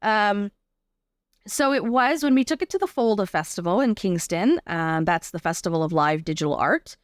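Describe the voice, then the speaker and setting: With an expressive, medium-pitched voice at normal speed, a Canadian interview guest, an artist championing arts accessibility, talks through her work in a friendly, chatty way and keeps checking in with the listener. It's a dry, clean studio recording.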